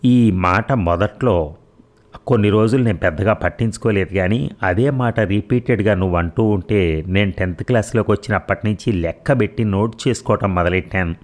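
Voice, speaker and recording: A man's voice: lowish voice, brisk, a little mellow, lightly acted. A man reading a storybook voicing a young new mother, a teasing and affectionate daughter who talks playfully to her mother. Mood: tender. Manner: playful, teasing, then tender.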